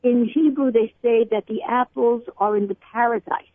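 A woman's voice: on the high side, fairly even intonation, no room sound. Woman speaking over a tinny phone line. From Brooklyn, USA. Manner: explains at length with many pauses and fillers. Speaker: guest, cookbook author. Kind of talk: radio phone interview. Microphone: telephone.

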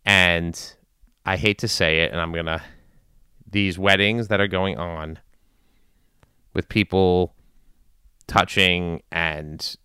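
A man giving informal news and community commentary in a measured, deliberate way with long pauses. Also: low-pitched, fairly even intonation, pushed and bright, smooth, dry recording, studio quality. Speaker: commentator addressing his community.

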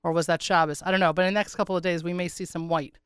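An American woman hosting a chatty radio show in a wry, self-deprecating way, with a hoarse, congested, froggy voice that sounds swallowed. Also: lowish voice, steady tone, rapid-fire, no echo, studio quality. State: congested, under the weather. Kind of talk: casual chatty radio monologue.

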